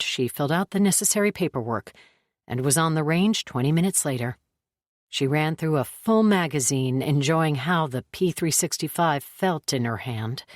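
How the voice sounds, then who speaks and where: A woman narrating a thriller audiobook in a measured, even way. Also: sits low, no room sound, clean studio sound. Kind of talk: scripted narration.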